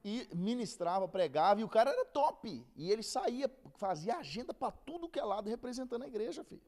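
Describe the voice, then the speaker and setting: High, lively Brazilian Bible teacher. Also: male voice, brisk. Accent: Brazilian Portuguese. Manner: animated storyteller acting out quoted people. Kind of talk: casual Bible lesson with storytelling.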